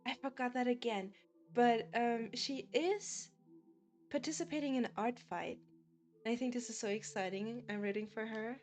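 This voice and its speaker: A German woman with a German accent chats casually with her viewers as a game streamer, giggling and often laughing between sentences. Her voice is a little high and moves at a normal speed, with faint music behind.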